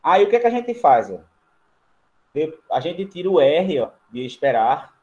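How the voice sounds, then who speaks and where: Brazilian guy teaching grammar, bit high voice, goes step by step and checks with the class a lot. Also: big pitch swings, normal speed, warm tone, lo-fi sound. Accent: Brazilian Portuguese. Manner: writes on a board while talking. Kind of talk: grammar lesson.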